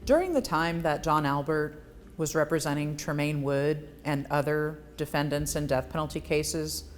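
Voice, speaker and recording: A woman's voice: deep voice, moderate pace, soft background music. A woman attorney speaking in a composed, matter-of-fact way in a documentary interview.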